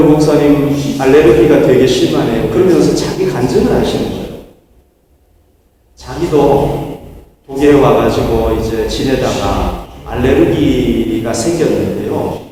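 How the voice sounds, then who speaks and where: A man's voice: on the high side, warm tone. A male pastor preaching a sermon, telling a story and rising into emphatic exhortation, recorded in a church sanctuary. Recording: echoey hall, picked up from far off.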